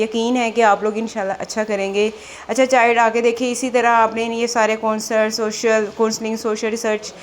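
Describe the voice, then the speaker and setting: A woman's voice: mid-range voice, a little hiss or hum. A woman exam prep teacher, talking through a screen walkthrough in a chatty way, repeating "theek hai" and "ye dekhiye" as she goes.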